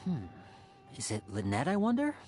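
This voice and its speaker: Lively, playful young magician Lyney. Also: female voice, low-pitched, normal speed. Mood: musing. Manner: theatrical, teasing, smooth showman. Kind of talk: video game character voice lines.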